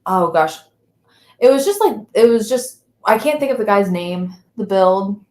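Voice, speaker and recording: A woman's voice: mid-range voice, lively intonation, unhurried, darkish tone. A woman co-hosting a live podcast, chatting casually and rambling as she searches for words. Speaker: podcast co-host. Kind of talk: casual live-stream chat. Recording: roomy echo.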